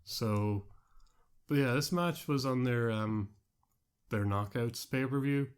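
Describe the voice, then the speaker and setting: A man's voice: mid-range voice, slow pace, smooth. A man with an Irish accent co-hosting a podcast, talking in casual, rambling chat and often trailing off. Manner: rambling, amused, trails off mid-sentence. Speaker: podcast co-host.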